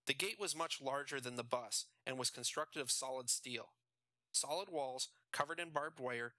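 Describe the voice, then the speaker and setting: A man reading a crime novel aloud in steady, measured scripted narration. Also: mid-range voice, dry recording. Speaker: audiobook narrator.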